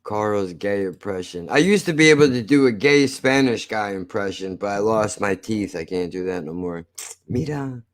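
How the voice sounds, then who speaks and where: A man's voice: lowish voice, normal speed, hardly any pauses. An American man chatting casually on a live stream, blunt and profane, with slightly slurred, lisping speech as if his teeth are missing. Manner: blunt, profane, self-deprecating.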